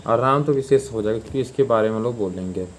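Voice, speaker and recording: A man teaches a grammar lesson for exam students at a mid pitch, explaining informally and repeating himself. He keeps checking in with his listeners and fills his pauses. A faint noise sits under the recording. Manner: informal, repetitive explaining with many fillers and "ठीक है".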